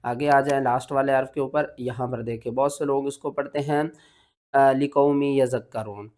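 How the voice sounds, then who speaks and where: A man teaching Quran recitation, spelling each word letter by letter before reciting it in a slow, drawn-out way. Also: mid-range voice, flat delivery, a little mellow. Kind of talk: step-by-step spelling and recitation lesson.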